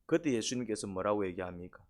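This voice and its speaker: A man preaching as pastor at an evening prayer service, emphatic and repetitive, asking rhetorical questions and dropping to quiet asides. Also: animated, quick pace. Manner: emphatic, asks many rhetorical questions, repeats phrases; swings between loud exhortation and low, quiet asides. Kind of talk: sermon.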